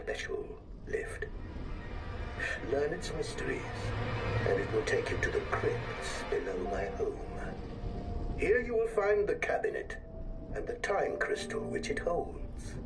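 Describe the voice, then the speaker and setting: Pompous, slow-talking sinister gentleman collector. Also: a little high, huge pitch swings, far from the mic, over music. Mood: grave, conspiratorial. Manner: pompous, theatrical, deliberate, with French phrases. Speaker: game character. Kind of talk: theatrical monologue on an old phonograph recording.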